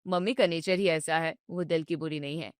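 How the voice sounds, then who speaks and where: A woman voicing a young husband who calmly soothes his upset wife. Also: brisk, dry recording, studio quality, close to an everyday voice. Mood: soothing. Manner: low, soothing and patient. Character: young husband, calm peacemaker between wife and mother.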